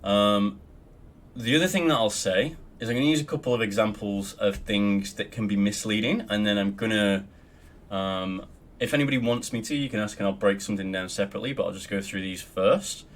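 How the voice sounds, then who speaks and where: A young Australian man at his desk casually walks guildmates through raid logs in a screen-recorded game tutorial, rambling, saying um a lot, and swearing now and then. His voice is fairly low and his pace brisk.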